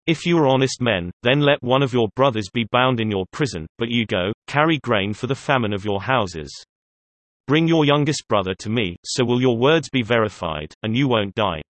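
A man reading the lines of a stern, powerful governor testing strangers, in a measured, even delivery. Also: medium pitch, no room sound, natural voice.

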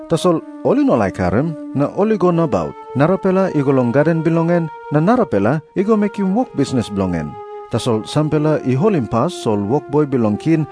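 Male actor as parable-telling teacher, Papua New Guinean accent, mellow tone, lively intonation, scripture drama, music underneath. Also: on the high side. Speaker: voice of Jesus in an audio Bible. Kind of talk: dramatised scripture reading in Tok Pisin.

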